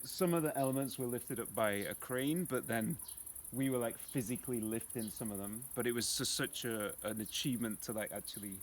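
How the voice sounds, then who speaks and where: Relaxed British man, rambling tour. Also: medium pitch, a little fast, hardly any pauses, a little hiss or hum. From United Kingdom. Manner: relaxed, rambling, many ums. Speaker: architect giving a house tour. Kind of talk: casual guided tour. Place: outdoors in the countryside.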